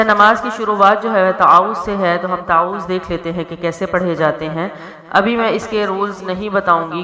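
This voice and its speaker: Patient woman teacher in echoey room. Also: lowish voice. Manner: patient, explains each sound, checks understanding. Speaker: Quran recitation teacher. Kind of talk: step-by-step recitation lesson.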